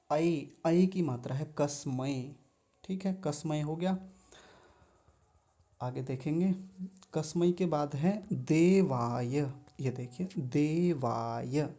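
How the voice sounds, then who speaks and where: A man teaching careful pronunciation of chanted verses, patiently explaining and repeating each word slowly syllable by syllable. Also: a little high, dark tone. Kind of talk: slow, careful pronunciation lesson.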